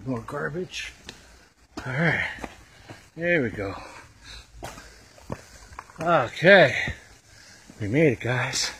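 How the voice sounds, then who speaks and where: A man vlogging while hiking a rough trail, chatting to viewers and out of breath, recorded on a handheld camera mic outdoors. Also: mid-range voice, lively intonation, drawn-out words, long pauses, sharp tone, slight background noise. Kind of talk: outdoor exploring vlog.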